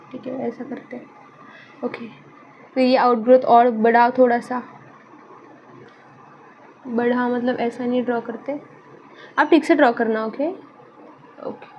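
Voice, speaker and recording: A woman's voice: a little high, highs cut off, slight background noise. A young woman teaching a biology lesson in a chatty way, asking questions and answering them herself, and joking about her own drawing. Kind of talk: casual online lesson.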